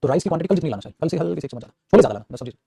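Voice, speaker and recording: A male teacher rattles through a live online grammar class at great speed, his pitch leaping around as he scolds and motivates. His voice is husky and mellow. It sits close and dry on the mic. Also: expressive, very fast, dry recording. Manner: scolding, motivational, calls students beta.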